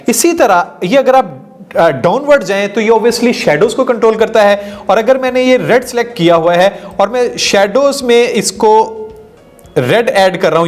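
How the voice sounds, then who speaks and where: Male tutor with a high voice for a voice-over software lesson; patient step-by-step walkthrough, a few hesitant fillers. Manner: explains step by step, mixing English terms into Hindi; hesitant fillers, slows down on English phrases. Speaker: video editing instructor. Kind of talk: screen-recorded software tutorial.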